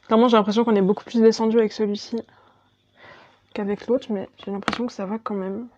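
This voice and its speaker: A woman's voice: mid-range voice, little pitch movement, fast talker, warm tone, highs cut off. A woman talking through her makeup step by step as a beauty vlogger, chatty and casual. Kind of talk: makeup tutorial voice-over.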